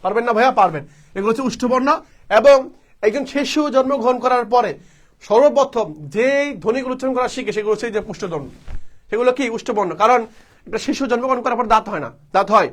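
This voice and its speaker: A man's voice: very high voice, fast. A man teaching a live online admission-test class, asking questions and answering them himself over and over. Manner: repetitive call-and-response teaching, asks and answers himself.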